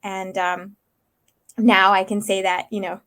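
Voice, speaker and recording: A woman's voice: medium pitch, little pitch movement, measured pace, a bit bright. Earnest young woman thinking aloud. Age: 20s. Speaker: interview guest. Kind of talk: casual interview.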